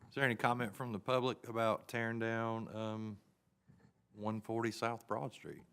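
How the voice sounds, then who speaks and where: Male commission chair, easygoing and informal, low resonant voice. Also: little pitch movement, normal speed, fairly bright tone, clean tone. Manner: informal, folksy procedural. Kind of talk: chairing a public meeting.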